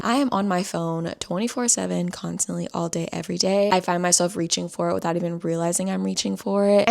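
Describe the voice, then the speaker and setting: A young woman with a fairly low, creaky voice talks in a casual, chatty vlog. Her nose sounds slightly blocked, and she often drops down to a whisper.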